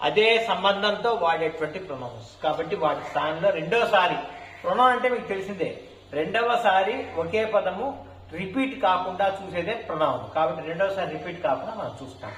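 A man with a fairly high voice teaches a step-by-step grammar lesson, dictating example sentences slowly, word by word. The sound is roomy and echoey, with a faint hiss underneath. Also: fairly bright tone. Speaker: English teacher.

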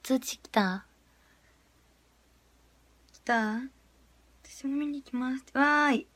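A young woman chatting casually on a livestream, giggly, swinging between murmured asides and excited squeals. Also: sits high, slow pace, dry recording. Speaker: idol livestreamer.

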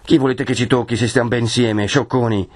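A man voicing a rough henchman leader who barks scornful orders. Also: medium pitch, fairly even intonation, brisk, close to an everyday voice. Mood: commanding.

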